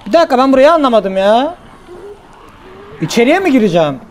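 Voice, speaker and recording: Excitable, high-voiced male gaming host. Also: a little fast, a little hiss or hum. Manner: excitable, swearing, yelling at the game. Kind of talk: casual let's-play commentary.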